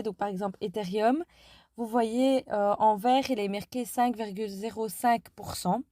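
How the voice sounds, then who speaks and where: A woman's voice: mid-range voice, dark tone, no room sound. A woman casually walking viewers through a phone app, talking hesitantly with many fillers and self-corrections. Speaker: app tutorial vlogger. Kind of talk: casual screen-recorded app walkthrough.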